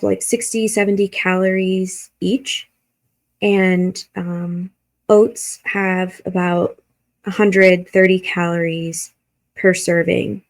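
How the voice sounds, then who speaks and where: A woman's voice: mid-range voice, creaky. A woman hosting a reaction video, giving blunt, critical commentary and swearing freely.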